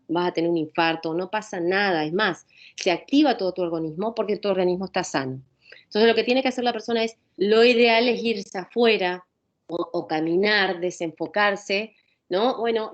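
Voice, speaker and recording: A woman with a Rioplatense Spanish accent and a medium-pitched voice gives an informal pharmacology lecture, captured with lo-fi sound. Her manner is conversational, with repeated calming phrases and frequent rhetorical questions.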